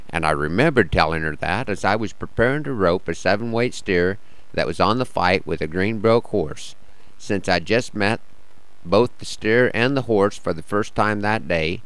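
An American man with a slightly rough, worn-out morning voice, hosting a radio show with wry, understated folksy storytelling and verse. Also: low-pitched, fairly bright tone, no room sound, rough recording. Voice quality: a little rough and croaky. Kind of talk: scripted folksy monologue with cowboy poetry.

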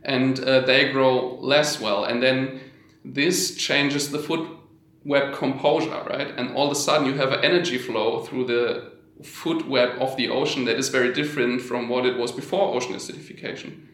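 A man from Germany, a research scientist, explaining his field in a measured way as an interview guest. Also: medium pitch, steady tone, fairly bright tone. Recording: roomy, echoing sound.

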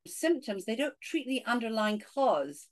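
A middle-aged woman from Scotland with a Scottish accent, a podcast guest talking in an animated way and saying "you know" a lot. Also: on the high side, measured pace. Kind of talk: casual interview talk.

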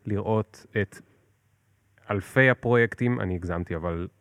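Low-voiced male podcast host. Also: no room sound, clean studio sound. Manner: relaxed, chatty, self-correcting. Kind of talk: casual interview.

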